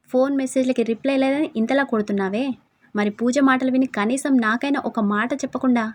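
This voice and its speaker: A woman voicing a teasing, stubborn young husband who talks loudly and presses his point. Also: a little high, no echo, close to an everyday voice. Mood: pleading.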